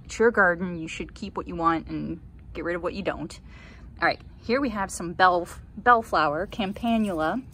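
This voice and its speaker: Holding her phone outdoors, a woman in her thirties who vlogs about gardening leads a relaxed, talkative tour full of cheerful side comments. She has a lowish, slightly bright voice and speaks at a moderate pace. Ambient sounds from outside can be heard.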